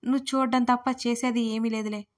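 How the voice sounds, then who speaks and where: A woman's voice: a little high, level tone, fairly quick, natural voice. Brief: cocky young male college troublemaker, smug and teasing, sits close to her own register, as a woman narrator plays him. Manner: smug, teasing, sometimes whispering.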